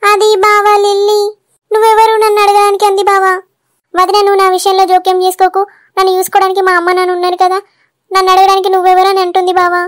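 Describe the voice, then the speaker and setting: A woman voicing a young wife in a cartoon, sharp and easily hurt, with a sulky manner. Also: completely flat delivery. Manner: chipmunk-high cartoon voice, rapid and sulky.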